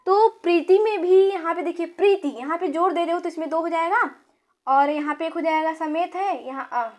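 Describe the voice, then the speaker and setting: A young woman with a high voice teaches grammar in a classroom style. She repeats each point, corrects herself, and keeps asking her students quick questions as she counts through each line aloud. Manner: checks in with rhetorical questions and counts syllables aloud.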